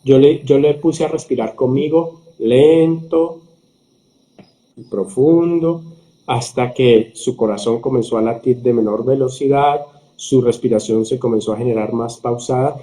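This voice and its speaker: Calm, very dark-voiced man explaining. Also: medium pitch. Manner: calm, explanatory, slows down for emphasis. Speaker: surgeon and podcast guest. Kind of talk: conversational interview.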